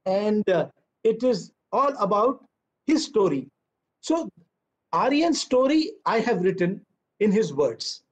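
A man's voice: sits high, very animated, takes it slowly. A man in his fifties with an Indian English accent, a children's author giving a chatty, humorous storytelling talk. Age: 50s. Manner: chatty, humorous, mixes in Hindi. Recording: dull lo-fi recording.

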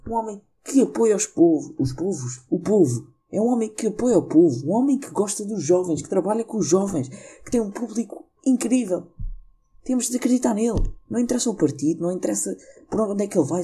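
A man's voice: high voice, dark tone, husky. A man with a European Portuguese accent, rambling through a casual comedic monologue from home and mocking his own jokes. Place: at home during lockdown.

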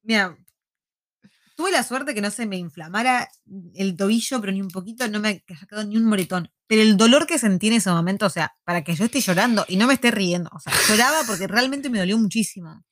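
A woman's voice: medium pitch, fast talker, fairly bright tone, no echo. Teasing Rioplatense woman on a podcast. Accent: Rioplatense Spanish. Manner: teasing, blunt, laughs often. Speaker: podcast co-host. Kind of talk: casual podcast chat.

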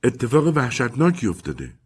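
A man putting on a shrill, frightened woman. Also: wildly swooping pitch, slightly rough, exaggerated voice. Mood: pleading. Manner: high-strung, pleading then shrill. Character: frightened, volatile middle-aged woman. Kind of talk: audiobook character voice.

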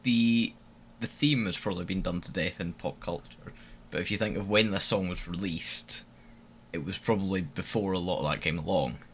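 A man co-hosting a casual music review podcast, animated and opinionated, often restarting his sentences. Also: sits low, normal speed, slight background noise. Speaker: podcast co-host.

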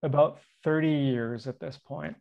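A middle-aged man hosting a podcast in natural, unscripted casual talk, friendly and quick to poke fun at himself. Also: medium pitch, fairly even intonation. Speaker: podcast host interviewing a friend. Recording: dull lo-fi sound.

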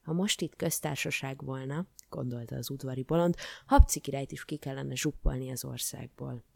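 A woman reading a children's fairy tale aloud in a lively, playful way. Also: very deep voice, creaky, no echo. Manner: expressive, playful. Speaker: storybook reader. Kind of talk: lively storybook narration.

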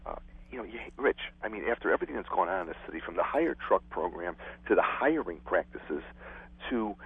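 A man's voice: low-pitched, expressive, fairly quick, gravelly, husky, no echo. A man from Chicago, a former city clerk, chatting frankly with a laugh as a guest over the telephone. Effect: heard over a telephone line. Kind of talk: phone interview. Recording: tinny dry phone line.

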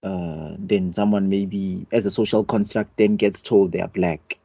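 A man's voice: sits low, steady tone, a little slow, mellow, dry recording, dull audio. A man in a casual debate, hesitant and searching for words as he argues a point.

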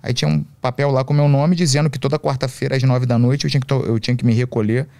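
A man's voice: medium pitch, fairly even intonation, quick pace, vocal fry, mellow, no room sound. A Brazilian man telling a personal story in slangy, profane casual talk. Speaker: podcast guest.

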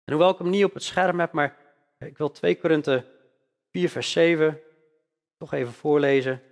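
A man's voice: on the high side, normal speed, vocal fry. A man preaching a sermon in earnest, emphatic style, leaning hard on key words. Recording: long hall reverb.

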